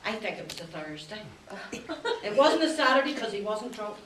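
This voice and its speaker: A woman's voice: mid-range voice, very animated, moderate pace, lightly acted. Woman playing indignant mother, distant and echoey. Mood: fond, indignant. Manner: rambling, folksy, protesting. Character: indignant, doting working-class mother as defence witness. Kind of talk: comic improvised courtroom sketch. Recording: distant echoey room with faint noise.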